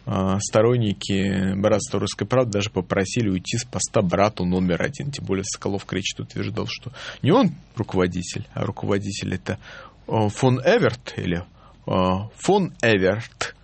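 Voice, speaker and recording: A man speaking as a historian guest on a radio interview, halting and full of fillers. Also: fairly low pitch, fairly even intonation, gravelly, darkish tone, breathy edge.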